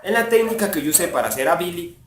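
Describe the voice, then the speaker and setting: A man's voice: high voice, expressive, fast talker. A man, a voice impressionist, casually explaining his imitation techniques in a rambling way, full of filler words. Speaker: voice impressionist and fandub creator. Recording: echoey room, mic far off, faint hiss.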